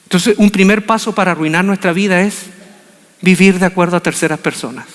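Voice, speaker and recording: High-voiced preacher in a reverberant hall. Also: male voice, a little fast. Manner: animated, humorous storytelling. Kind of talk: sermon. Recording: long reverb of a large hall.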